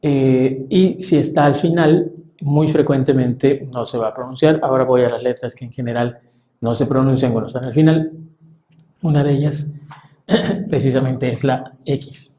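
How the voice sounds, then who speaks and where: A man explains letter sounds to a class in a steady, measured way, pausing often on fillers. His voice is mellow, and the room gives it a noticeable echo. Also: mid-range voice. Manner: measured, halting with frequent fillers. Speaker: French teacher.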